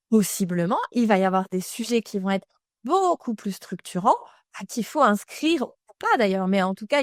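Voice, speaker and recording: A woman's voice: fairly high pitch, fairly bright tone, no echo, clean studio sound. A woman consultant explaining employer branding in a direct, casual way, talking straight to the listener with frequent fillers.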